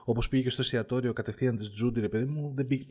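A man's voice: medium pitch, fairly even intonation, darkish tone, husky. A man co-hosting a casual discussion podcast, thoughtfully musing aloud and chiming in with short agreements. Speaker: podcast co-host.

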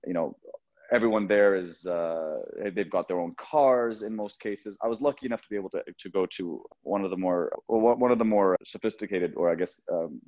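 A man with a very low voice answers as a podcast guest, thinking aloud and restarting his sentences now and then. He is from Lebanon and sounds like he is in his thirties. The sound is a bit dull and lo-fi. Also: fairly quick, darkish tone. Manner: reflective, with frequent restarts and light laughs. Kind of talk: casual interview talk.

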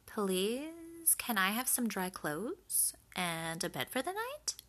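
A woman voicing a polite, delicate young princess in a soft, slow voice. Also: mid-range voice, very animated, heavily acted.

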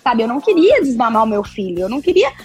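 A woman, a podcast guest telling her story in an expressive, chatty way with lots of tag questions. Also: fairly high pitch, quick pace, breathy edge, soft background music. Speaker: podcast guest, breastfeeding consultant. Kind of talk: casual interview chat.

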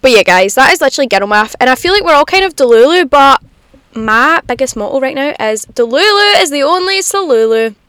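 A woman's voice: high-pitched, a little fast, no echo, studio quality. Chatty young woman podcasting in a rainy car. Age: young adult. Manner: confiding, animated girly slang with self-deprecating humour. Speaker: podcast host. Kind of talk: casual chatty solo podcast. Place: inside a parked car in the rain. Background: rain on the car.

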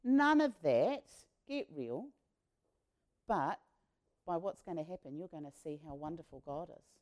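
A gentle, informal Jesus, as a woman puts him on while retelling a story. He speaks in a casual, reassuring way, and the voice sits slightly low. It is barely changed from the storyteller's own voice. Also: expressive, measured pace.

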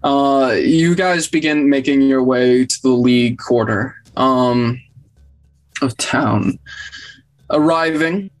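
Slow-paced woman running a tabletop game. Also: extremely low pitch, low-quality recording. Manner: casual, halting. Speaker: game master. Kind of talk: narrating a tabletop role-playing game.

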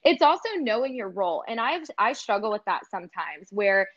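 Sing-song and fairly quick, her mid-range voice carries an earnest, casual podcast interview as this sports host and reporter packs in "like" and "you know." The audio is dull.

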